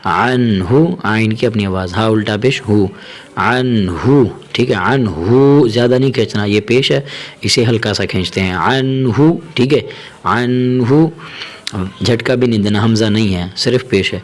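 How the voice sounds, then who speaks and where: Male tajweed teacher with a lowish voice, patient and repetitive, stretches syllables slowly. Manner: patient and repetitive, drawing out syllables slowly, often asking "okay?"; brisk explanations between slow syllable drills. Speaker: Quran reading teacher. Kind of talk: step-by-step tajweed lesson, spelling out letters and vowels.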